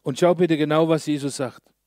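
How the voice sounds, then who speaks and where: A male pastor preaching a sermon, telling a story in a lively way with slow, emphatic pauses. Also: a little high, dry recording, studio quality.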